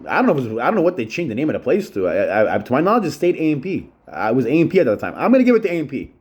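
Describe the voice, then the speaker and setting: This middle-aged channel host from Long Island, New York, rambles profanely through a solo monologue about his childhood, repeating himself and saying "yo" a lot. He talks very fast at a medium pitch that swoops wildly, with a slightly mellow tone.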